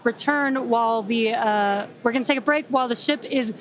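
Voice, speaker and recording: A woman hosting a live launch webcast, breathless and excited. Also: a little high, normal speed. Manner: breathless, excited, laughing between words. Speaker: webcast host.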